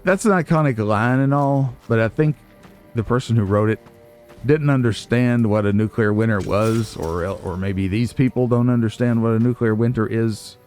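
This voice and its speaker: With game music behind him, a man hosting a video game playthrough chats easily and muses aloud, slipping in wry asides. His let's play voice is medium-pitched, a little mellow, and delivered at a normal speed.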